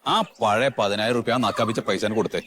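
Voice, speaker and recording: An actor playing an anxious friend who tries to calm a quarrel, in a placating, fussy manner. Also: male voice, fairly low pitch, quick pace, slight background noise, lightly acted. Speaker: sitcom character.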